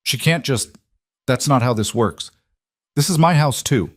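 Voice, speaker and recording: A man's voice: medium pitch, animated, measured pace, dry recording, clean studio sound, voice pushed up. A man voicing a worried, defensive grandson who pleads. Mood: distressed.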